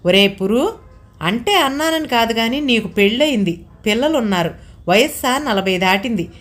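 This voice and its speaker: Brief: shrill scolding older housewife, sarcastic and anxious, read by a woman storyteller. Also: expressive, normal speed. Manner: scolding, anxious, higher and louder than narration. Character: fussy sharp-tongued older wife, sarcastic.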